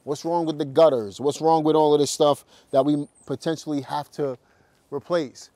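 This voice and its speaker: Talking straight to the camera, a real estate investor gives viewers a casual walk-through vlog, first outside a house and then in a car, full of fillers and restarts. His voice sits on the high side, mellow and steady-toned, at a moderate pace. There's no echo.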